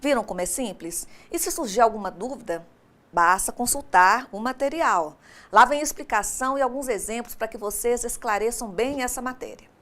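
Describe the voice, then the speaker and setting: Lively Brazilian woman teacher, higher voice. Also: fairly quick. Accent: Brazilian Portuguese. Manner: expressive, playful storytelling, questions to the class. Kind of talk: recorded distance-learning lesson.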